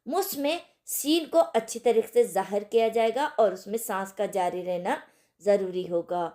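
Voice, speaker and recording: A woman's voice: medium pitch, normal speed, dark tone. A woman teaching an online recitation lesson, patiently explaining and drilling syllables one at a time.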